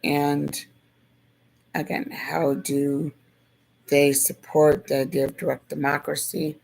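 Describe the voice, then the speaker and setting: A hoarse presenter with a gravelly, rough voice talks through a civics topic at an unhurried pace. The delivery stays flat and even, going back over each point in a casual, thoughtful way. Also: medium pitch, low-quality recording. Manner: slow, thoughtful, repeats points. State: hoarse, losing voice.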